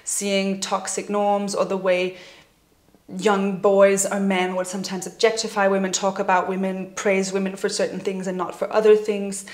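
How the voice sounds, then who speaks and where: A woman in her late twenties shares her story in a candid, gentle and self-reflective way, with a light laugh here and there. Her voice sits at an ordinary middle pitch, and the room around her rings with a noticeable echo. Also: little pitch movement, moderate pace. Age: 20s. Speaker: vlogger. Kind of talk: personal reflective vlog talk. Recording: roomy echoey room.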